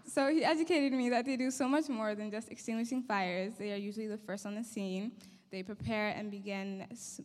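A woman's voice: medium pitch, darkish tone. Earnest young woman speaking in a hall. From Somalia. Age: young adult. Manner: earnest and grateful, reading from notes. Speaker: guest speaker. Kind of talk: prepared speech. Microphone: handheld mic. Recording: long hall reverb.

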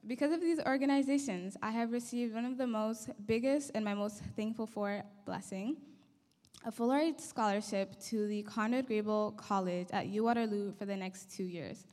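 A woman's voice: on the high side, moderate pace, a little mellow. Earnest young woman speaking in a hall. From Somalia. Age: young adult. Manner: earnest and grateful, reading from notes. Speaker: guest speaker. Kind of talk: prepared speech. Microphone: handheld mic. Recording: long hall reverb.

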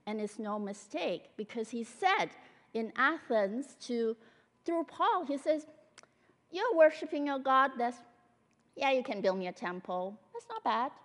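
A woman's voice: a little high, big pitch swings, unhurried. A woman from Malaysia and Singapore giving a conversational sermon with personal testimony as a guest church speaker, earnest and full of fillers. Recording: long hall reverb.

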